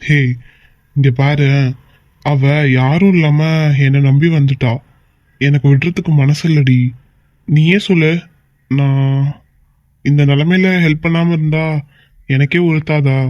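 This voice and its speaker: A woman voicing an affectionate young husband in a cartoon, who coaxes and gently teases his wife. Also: deep voice, steady tone, unhurried, pauses often, dry recording, highs cut off. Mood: coaxing, reassuring. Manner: coaxing and gently teasing. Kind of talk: amateur cartoon voice acting.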